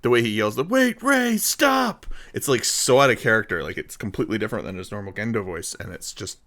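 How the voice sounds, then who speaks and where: A man co-hosting a podcast, talking casually and haltingly about an anime film, often stammering. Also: on the low side, fairly bright tone. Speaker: podcast co-host.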